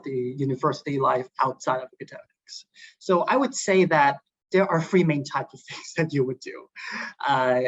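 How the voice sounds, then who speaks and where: A Hong Kong man in his early twenties gives an informal, hesitant student presentation with a mid-range voice and frequent filled pauses. It comes through dull, lo-fi online call audio.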